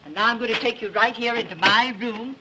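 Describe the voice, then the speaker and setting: A woman's voice: a little high, fairly quick, noisy background. An actress playing a kindly, motherly woman who runs a neighborhood house, in early 1930s talkie film sound. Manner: kindly, fussing, reassuring.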